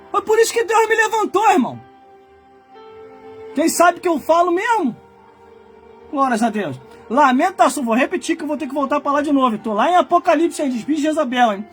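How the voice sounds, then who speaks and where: A Brazilian man in his forties preaching a fiery sermon, shouting and exhorting his listeners. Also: very high-pitched. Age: 40s. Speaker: pastor.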